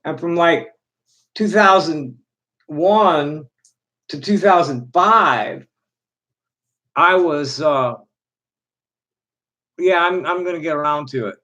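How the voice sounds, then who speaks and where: A middle-aged man from Chicago rambling casually to his chat, halting with frequent restarts and fillers. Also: fairly high pitch, bright, forceful tone, rough recording. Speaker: live stream host.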